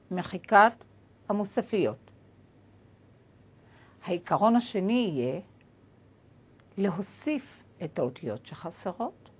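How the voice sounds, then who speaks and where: Woman teacher, kinda husky, very up and down voice, methodical. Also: medium pitch. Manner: slow, methodical explanation spelling out letters. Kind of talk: lesson.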